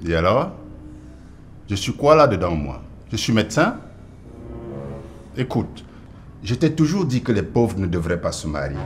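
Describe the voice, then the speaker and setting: A man's voice: lowish voice, big pitch swings, unhurried, pauses often, soft background music. A man acting in a comedy sketch as an arrogant boss who sneers at his employee. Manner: scornful, dismissive. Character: arrogant rich male boss. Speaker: actor in a comedy web series.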